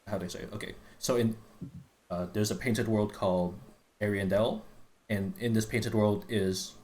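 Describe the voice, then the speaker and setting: A man talks on a live stream in a fairly low register. He is earnest and eager but rambling, circling back through fillers and half-finished phrases as he lays out a game's backstory for his friends. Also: steady tone, moderate pace, darkish tone. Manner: rambling, full of restarts and fillers, earnest explainer. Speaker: streamer explaining game lore to friends. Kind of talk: casual live-stream chat.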